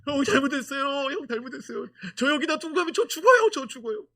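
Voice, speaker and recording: A man's voice: very high voice, very fast, a bit bright, voice pushed up, full character voice. A man doing a desperate begging younger brother. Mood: pleading. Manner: pleading, begging, near tears.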